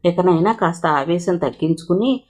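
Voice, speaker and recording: A woman reading a novel aloud, voicing a brisk, slightly bossy young woman friend. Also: on the low side, a little mellow, close to an everyday voice.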